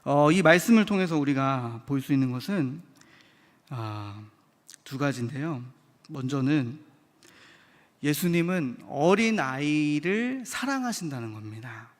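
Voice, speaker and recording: A man's voice: on the high side, a little slow. A man preaching a Wednesday evening church sermon in a conversational way, asking the congregation questions and acting out short quoted lines. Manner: acts out short quoted lines in lively voices. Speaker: licensed preacher. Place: church sanctuary. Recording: long hall reverb.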